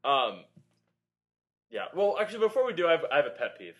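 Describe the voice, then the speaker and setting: A man's voice: fairly high pitch, huge pitch swings, brisk, fairly bright tone. A young adult man co-hosting a fitness podcast, telling a long rambling story with lots of filler in a casual chat. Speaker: podcast co-host and Pilates instructor.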